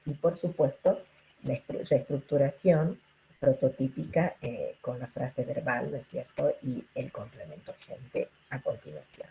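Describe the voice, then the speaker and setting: A woman's voice: rumbling low, animated, measured pace, gravelly, dark tone, breathy edge, poor audio. A woman giving an online lecture to students over a video call. She keeps checking in with her listeners through rhetorical questions and fillers. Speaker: linguistics lecturer.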